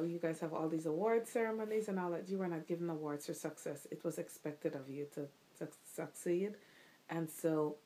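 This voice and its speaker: Her voice is low and dark, captured on a low-quality recording. She is the host's mother, a middle-aged Guyanese woman giving thoughtful answers full of ums and restarts in a casual interview conducted by her child.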